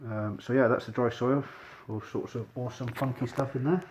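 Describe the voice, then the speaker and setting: With a dust mask muffling his mouth, a rug cleaner casually walks through his own work. He has a mid-range, darkish voice, a steady tone and a brisk pace. Background noise is clearly present.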